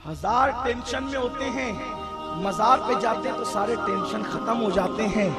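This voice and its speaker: A man preaching an impassioned sermon, building up to shouting through long chanted lists. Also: extremely high pitch, normal speed. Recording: live speech with music and crowd behind.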